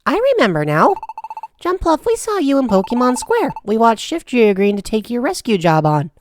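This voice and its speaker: A woman's voice: fairly high pitch, big pitch swings, moderate pace, slight background noise, pitched above the performer's own voice. A woman doing a perky little creature partner. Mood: eager. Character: cheerful small electric creature partner.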